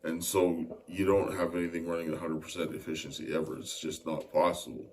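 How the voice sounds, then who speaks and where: In a low-pitched, level voice at a fairly quick pace, a middle-aged man answers interview questions about technical work, hesitating with many fillers. He comes from Winnipeg, Canada. Faint ambient noise surrounds the distant mic recording.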